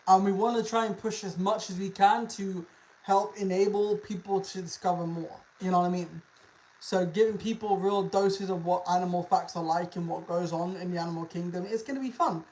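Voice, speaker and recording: A content creator talks casually to a livestream audience at a middling pitch. The delivery is informal and full of slang and swearing, with phrases often repeated. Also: a little mellow, poor audio.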